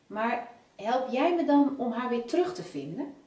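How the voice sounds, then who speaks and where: A woman's voice: a little high, very animated, moderate pace, warm tone. A woman voicing an earnest, eager young girl in a read-aloud children's story, raising her voice to sound girlish. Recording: roomy, from a distance.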